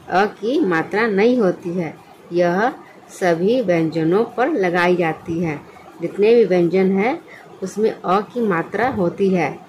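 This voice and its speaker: Woman teacher, very slow, asks and answers her own questions, faint hiss behind. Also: medium pitch, low-quality recording. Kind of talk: slow children's lesson.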